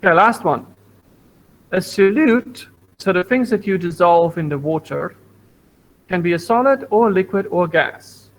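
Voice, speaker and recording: A man's voice: high voice, animated, a little slow, long pauses, slight background noise, low-quality recording. A man teaching a science lesson to a primary school class over an online video call, patient, repeating points and asking the class questions. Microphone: computer mic on video call.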